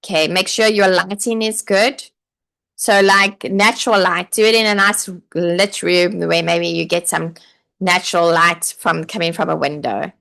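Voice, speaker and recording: A woman with a fairly low, creaky voice and a fairly bright tone speaks a little slowly, her intonation fairly even. She's running a live online training session, coaching aspiring online teachers in a chatty, encouraging way. She reads viewer comments aloud and leans heavily on fillers like "like" and "okay."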